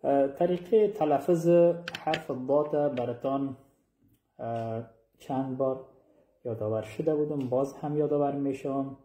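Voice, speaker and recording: A man leads a tajweed lesson and repeats each syllable slowly and deliberately. His voice is warm and mellow. It is recorded in a room with a noticeable echo. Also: medium pitch. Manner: explains slowly and repeats sounds, drawing out demonstrated syllables. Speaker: Quran recitation teacher.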